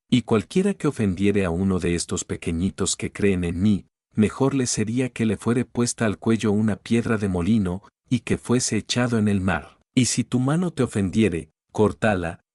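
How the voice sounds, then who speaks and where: A man reading scripture aloud in a measured, even recitation. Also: on the low side, no room sound, clean studio sound. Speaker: Bible reader.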